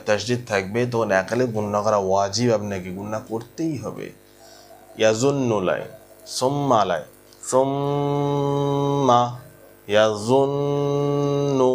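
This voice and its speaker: A man teaching a recorded Quran reading lesson at a board. He patiently repeats each point and slowly draws out the sounds he demonstrates. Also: fairly low pitch. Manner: slow, drawn-out demonstration of sounds.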